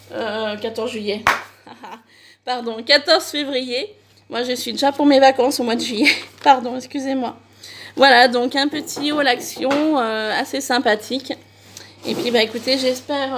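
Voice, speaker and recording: A woman's voice: sits high, a little hiss or hum. Chatty French-speaking woman vlogger. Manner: chatty, many hesitations and fillers. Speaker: crafting vlogger. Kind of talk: casual haul video chat.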